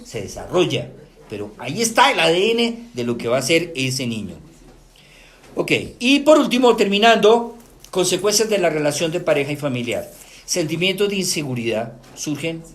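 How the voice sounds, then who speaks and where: A middle-aged Colombian man speaks to a room of listeners, his voice sitting a touch high and swinging widely up and down. He keeps the talk lively and often breaks in with a quick "right?" to check that people are following. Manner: animated, asks rhetorical "¿sí?" checks often. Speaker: lecturer.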